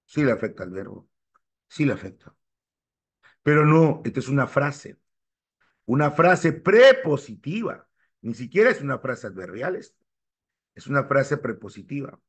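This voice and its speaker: A man lecturing on grammar in a mid-range voice. He keeps firing quick questions at his students, pushing his pitch up hard whenever he stresses a key term. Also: husky. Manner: emphatic, jumps up in pitch to stress key terms. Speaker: language teacher. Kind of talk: exam-prep grammar lecture.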